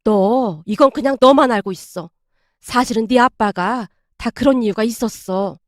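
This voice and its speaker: A woman voicing a middle-aged mother in a storybook drama, confiding softly in a hushed tone. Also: fairly high pitch, moderate pace, no echo, clean studio sound, pitched below the performer's own voice, natural voice.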